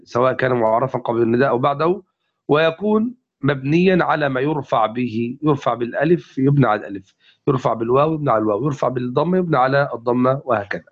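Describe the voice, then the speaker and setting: Man, teacher, classical grammar lesson, patient step-by-step explaining, muffled lo-fi sound. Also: medium pitch. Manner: explains step by step, repeating examples. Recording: dull lo-fi recording.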